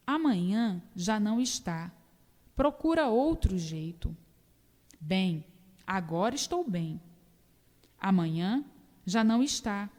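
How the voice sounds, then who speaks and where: A woman reading a doctrinal book aloud in a measured, repetitive preaching cadence. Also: medium pitch, dark tone. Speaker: reader. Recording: long reverb.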